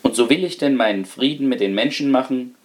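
A man's voice: medium pitch, a little fast, slight background noise, lightly acted. A man putting on a wheedling, scheming old rat. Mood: self-pitying. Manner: wheedling, falsely solemn and mannerly. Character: scheming, polite, self-pitying rat.

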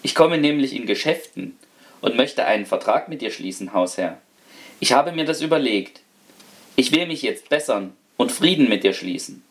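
A man's voice: mid-range voice, animated, normal speed, natural voice. A sly old rat pleads its case with exaggerated politeness and self-pity, as a male storyteller puts it on. Its tone is mannerly and falsely solemn, the voice of a fable creature. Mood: solemn pleading.

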